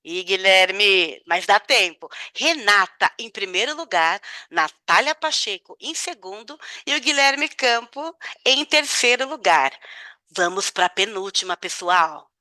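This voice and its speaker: A woman with a Brazilian Portuguese accent hosting a live online quiz over a video call, excitable and playfully dramatic as she builds suspense. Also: medium pitch, measured pace, no room sound, studio quality. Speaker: quiz host.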